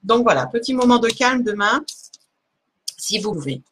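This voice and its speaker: A woman's voice: a little high, expressive, moderate pace, fairly bright tone, husky. A woman giving a live oracle card reading on a stream, casual and hesitant, stopping often to search for words. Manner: many fillers and restarts, laughs at herself.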